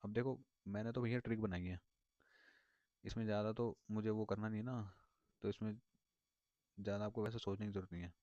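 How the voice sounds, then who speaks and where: A man's voice: lowish voice, fairly even intonation, fairly quick, pauses often, warm tone, no room sound. A man teaching vocabulary in a casual, rambling way, repeating words and circling back with many fillers. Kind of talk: casual explanatory lesson. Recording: dull lo-fi dry recording.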